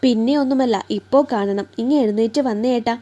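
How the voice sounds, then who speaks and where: A woman's voice: on the high side, fairly quick, lo-fi sound, natural voice. A woman voicing a sweet, urging young wife. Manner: soft, urging. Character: sweet young wife hurrying her husband.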